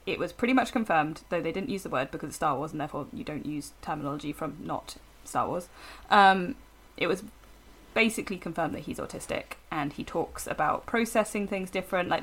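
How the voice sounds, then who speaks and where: A woman co-hosting a podcast in casual, animated chat, rambling with restarts. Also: lowish voice, creaky. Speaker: podcast co-host.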